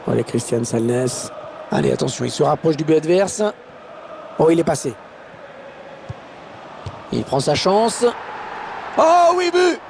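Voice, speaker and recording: A man commentating on a football match in an excited play-by-play style, his voice rising at chances and goals. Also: a little high, a little slow, vocal fry, pauses often, a little hiss or hum. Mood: engaged. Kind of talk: excited goal-call sports commentary.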